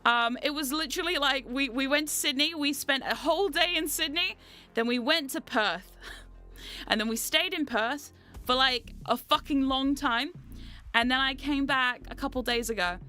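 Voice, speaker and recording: Despite jet lag and a mild sore throat, a New Zealand VTuber streamer and host sounds bright and forward as she rambles to her viewers at normal speed over faint music. Her voice is very high-pitched, and her casual chat is excitable and playfully dramatic.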